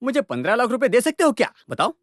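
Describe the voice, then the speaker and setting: A taunting high-voiced cop. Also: male voice, wildly swooping pitch, fast talker, slight background noise, full character voice. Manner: mocking, taunting, commanding. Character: sharp-tongued male police officer, mocking. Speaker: police officer. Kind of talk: Hindi film dub.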